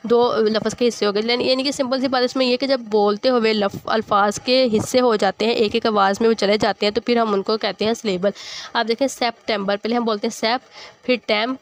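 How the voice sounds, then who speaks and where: A woman teacher explaining a school lesson, reading English lines slowly and then explaining each in Hindi-Urdu. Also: on the high side.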